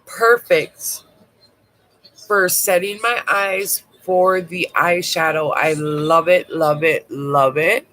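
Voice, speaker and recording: Her voice is low-ish, steady, slow and fairly bright, and the recording quality is poor. A makeup vlogger nursing a bad cold, she chats through a casual live product review, bluntly and with the odd casual swear word.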